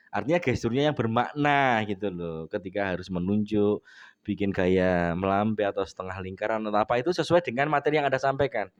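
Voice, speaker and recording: Indonesian man, mid-pitch, teaching with a stuffy runny nose, code-switching with tag "ya", dry room. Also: no echo. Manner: mixes Indonesian and English, frequent tag "ya". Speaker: English teacher. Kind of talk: bilingual speaking lesson.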